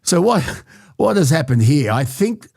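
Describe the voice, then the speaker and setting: A man's voice: a little high, big pitch swings, normal speed, vocal fry, a little mellow, no echo, clean studio sound. An Australian man hosting a podcast, chatting wryly about politics in short bursts. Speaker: podcast host. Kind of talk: casual political chat.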